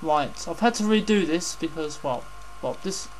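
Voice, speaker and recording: A man's voice: fairly high pitch, expressive, moderate pace, slight background noise, rough recording. A man hosting casual game commentary, rambling and repeating his phrases, with some swearing. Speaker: gaming host.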